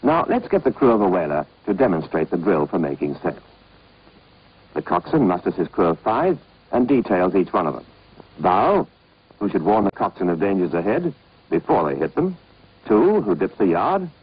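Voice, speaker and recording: A British man narrates an old instructional training film in a clipped, scripted, instructive style. His voice sits low and slightly rough, with a sing-song lilt at normal speed. The soundtrack is dull and band-limited.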